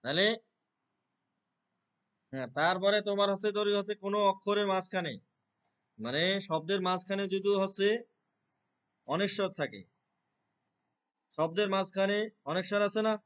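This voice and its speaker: A man with a fairly high voice gives an online lesson on Sanskrit verse pronunciation. He explains patiently, one step at a time, and keeps asking whether the student is following. He recites each verse slowly and deliberately. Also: a bit bright. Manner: explains step by step, often checks with "right?". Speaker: Gita teacher. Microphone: online call.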